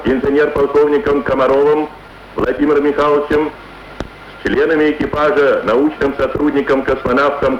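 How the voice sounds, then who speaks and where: A man reading an official news bulletin on the radio in a slow, solemn, deliberate way, from a muffled archival broadcast. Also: on the high side, echoey room, a little hiss or hum. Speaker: radio announcer.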